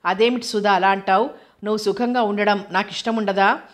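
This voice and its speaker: A woman narrator voicing a clinging, scheming female companion who speaks in a soft, coaxing way. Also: medium pitch, fairly even intonation, fairly quick, lightly acted.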